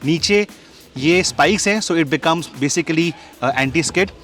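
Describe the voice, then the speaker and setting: A man's voice: on the high side, takes it slowly, faint music behind. A young Indian man presenting a car walkaround review outdoors, mixing Hindi and English with casual fillers. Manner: mixes Hindi and English, conversational; energetic presenter, frequent uh fillers.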